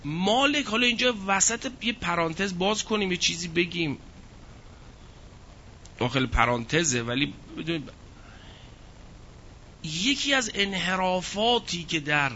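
A man giving a religious lecture who recites verses slowly and explains them with rhetorical questions. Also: sits high, expressive, sharp tone, slight background noise. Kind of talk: Quran exegesis lecture. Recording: dull lo-fi recording.

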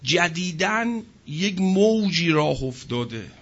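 A man's voice: fairly high pitch, expressive, a bit bright, muffled recording. A man giving a sermon to an audience, emphatic and full of rhetorical questions. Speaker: religious speaker.

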